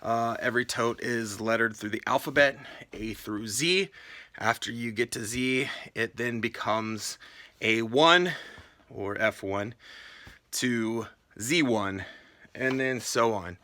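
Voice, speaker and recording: Bright, clear-voiced man giving a casual walkthrough. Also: mid-range voice, slow pace. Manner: plain-spoken, explanatory. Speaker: online reseller giving a warehouse tour. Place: indoors in a warehouse.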